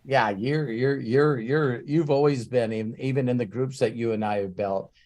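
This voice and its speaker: Guy hosting a podcast, mid pitch, gushy and supportive, laughs a lot. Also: fairly even intonation, moderate pace, darkish tone. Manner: effusive and affirming, laughs easily. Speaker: podcast host. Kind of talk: casual interview chat.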